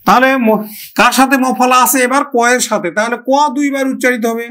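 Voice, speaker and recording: A man teaching a pronunciation lesson, talking directly to students and repeating example words slowly. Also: extremely high pitch, steady tone, bright, forceful tone. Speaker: Bengali language teacher. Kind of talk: classroom-style grammar lesson.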